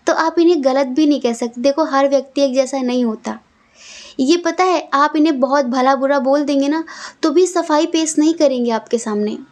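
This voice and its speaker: A woman's voice: high voice, moderate pace, a little mellow. A young woman giving a casual tarot reading, speaking earnestly and directly to the viewer, repeating her points. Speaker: tarot reader.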